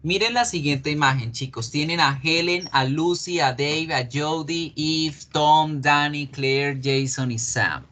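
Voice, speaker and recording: A male English teacher giving a class, explaining patiently, repeating key words slowly and asking students questions. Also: fairly high pitch, bright, forceful tone.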